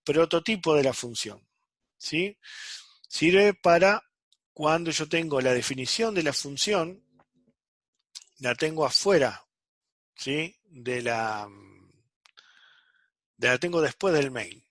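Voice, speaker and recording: A man's voice: on the high side, lively intonation, slow pace, pauses often, fairly bright tone, no room sound. A man teaching a programming class online, checking in with the students after nearly every phrase. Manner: checks understanding with frequent "¿sí?" and "¿está?".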